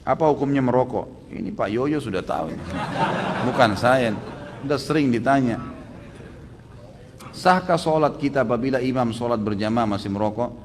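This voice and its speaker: A man giving an Islamic question-and-answer lecture, emphatic and animated, his voice rising to forceful exclamations. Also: medium pitch, moderate pace, pauses often, a little hiss or hum. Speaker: preacher answering audience questions. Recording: long hall reverb, faint ambience.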